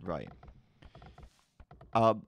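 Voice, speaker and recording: A man casting an esports match live, chatty and quick to laugh. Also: low-pitched, sing-song, vocal fry, fairly bright tone. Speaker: esports caster. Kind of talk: live game commentary. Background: faint background music.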